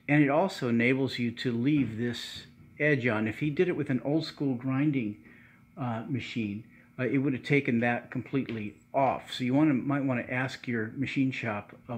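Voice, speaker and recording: A middle-aged man giving a casual workshop how-to, talking in a halting way with many fillers and restarts. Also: medium pitch. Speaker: channel host restoring cars. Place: home garage workshop, indoors.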